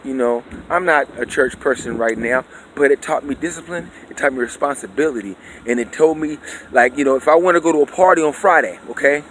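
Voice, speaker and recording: A man's voice: medium pitch, a little fast, hardly any pauses, fairly bright tone, slight background noise. Preachy man lecturing with asides. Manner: preachy and conversational, keeps asking "you know what I'm saying". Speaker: vlogger. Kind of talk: opinion monologue.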